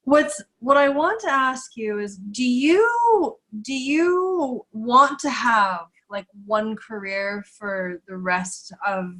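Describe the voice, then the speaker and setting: A woman's voice: fairly high pitch, lively intonation, slow pace, few pauses, a bit bright, poor audio. Encouraging woman hosting a video-call interview. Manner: encouraging, with frequent short affirmations. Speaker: interview host.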